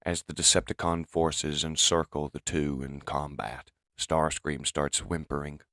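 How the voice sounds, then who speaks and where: A man narrating a comic dub in steady, descriptive storytelling. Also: rumbling low, unhurried, no echo, clean studio sound.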